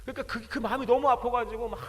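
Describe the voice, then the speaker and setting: A male pastor preaches in a fast, impassioned rush, his voice high and bright. It climbs into shouting as the story builds, and a long reverb from a large hall trails every phrase. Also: steady tone, background noise. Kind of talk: sermon. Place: large prayer retreat hall.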